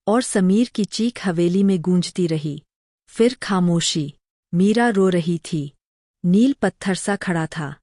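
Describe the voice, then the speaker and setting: A woman narrating a scripted horror story in a measured, ominous way. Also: lowish voice, a little mellow, dry recording, clean studio sound.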